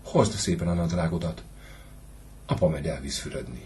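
A man's voice: extremely low pitch, warm tone, slight background noise. A man doing a pleading, protective mother. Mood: pleading, gentle. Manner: pleading, soothing.

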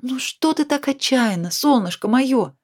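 A woman's voice: high voice, animated, unhurried, voice pushed up. A woman reading a storybook voices an adult woman who scolds and then coaxes her friend. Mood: soothing.

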